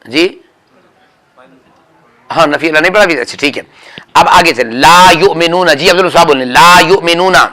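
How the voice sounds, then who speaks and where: On the high side and sharp in tone, he talks at a moderate pace and pauses often. The man teaches a grammar class, calling students by name, quizzing them, and correcting them firmly and repeatedly.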